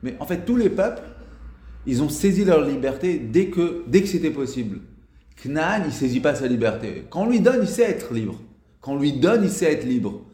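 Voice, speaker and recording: Halting man teaching in an echoey room. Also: on the high side, big pitch swings, warm tone. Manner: halting, with frequent restarts and "ouais" fillers. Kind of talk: casual spoken lesson.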